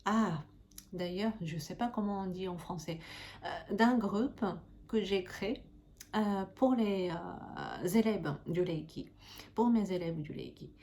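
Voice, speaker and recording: A woman's voice: medium pitch, slow, a little mellow. Hesitant woman vlogging, with background noise. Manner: hesitant, searching for words. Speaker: Reiki master teacher and channel host. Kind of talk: casual explanatory vlog to camera.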